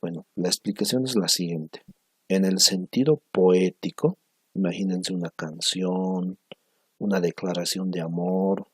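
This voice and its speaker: A man teaching a language lesson on speech sounds, talking in a slow, measured way and repeating syllables for pronunciation, often tagging phrases with a questioning "no?". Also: low-pitched, steady tone, slightly rough, no room sound. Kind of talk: recorded lecture on phonetics.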